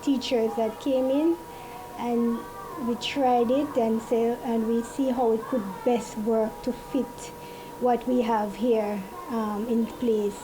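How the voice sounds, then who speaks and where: Woman administrator, higher voice, plain talk, clear background noise. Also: fairly even intonation, takes it slowly. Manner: plain, listing, conversational. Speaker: preschool administrator. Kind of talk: news interview answers.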